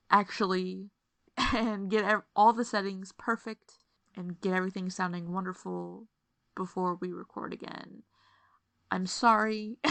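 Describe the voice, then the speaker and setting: A woman's voice: mid-range voice, vocal fry, fairly bright tone, no echo. A woman podcast host in casual chat, rambling and apologetic, laughing often, on a desk microphone that sometimes peaks. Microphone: desk podcast microphone, sometimes peaking.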